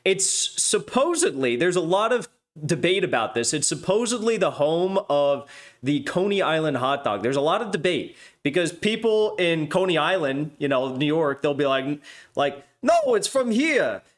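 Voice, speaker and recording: Male streamer-host, slightly high voice, loose sardonic monologue, mocking asides. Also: expressive, moderate pace. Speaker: livestream news host. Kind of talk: casual off-the-cuff monologue.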